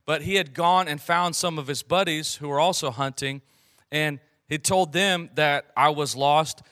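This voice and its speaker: A man preaching a sermon, telling a personal story in an earnest way, often clearing his throat and slowing down on key phrases. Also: mid-range voice, sharp tone, no room sound, studio quality. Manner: frequent throat clearing and fillers. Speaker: pastor.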